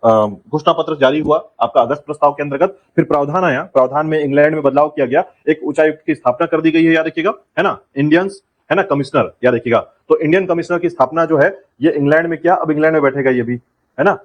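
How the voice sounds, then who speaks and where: A man's voice: on the high side, quick pace, muffled recording. A man teaching an exam-prep lecture, drilling key points and repeatedly telling students to remember them. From India.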